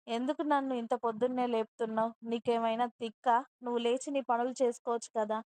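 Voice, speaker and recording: A woman's voice: a little high, fairly even intonation, fast talker, darkish tone, clear, resonant tone, dry recording, close to an everyday voice. A woman reading a storybook and voicing a spoiled, defiant young rich wife with haughty, scornful retorts. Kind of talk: storybook narration with dialogue.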